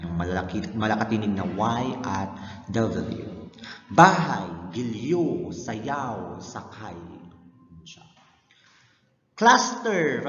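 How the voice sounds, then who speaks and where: Man, teacher explaining a lesson, tag questions, mid pitch, roomy reverb, muffled lo-fi recording. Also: a bit bright. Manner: explanatory, frequent "no?" tag checks; mixes English terms into explanations. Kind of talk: recorded Filipino language lecture. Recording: roomy echo, dull lo-fi sound.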